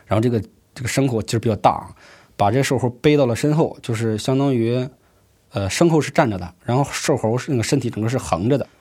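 A man telling a first-person story in an unhurried, conversational way, often restarting his sentences. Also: mid-range voice, a little mellow, husky. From rural Hebei, China.

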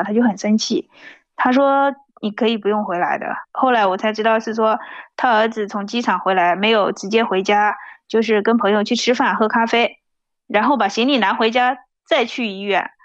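A woman's voice: mid-range voice, no room sound, lo-fi sound. A woman in her thirties from mainland China tells a personal story plainly and unhurriedly, with small restarts. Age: 30s.

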